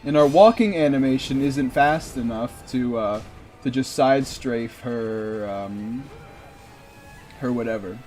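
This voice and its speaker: A man's voice: medium pitch, slow pace, a little mellow, faint music behind. A man streaming a video game, rambling in casual commentary and swearing at the boss now and then.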